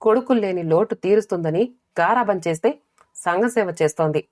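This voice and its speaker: A woman voicing a worried middle-aged mother who scolds her daughters, shrill when angry. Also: normal speed, darkish tone, natural voice. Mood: scolding.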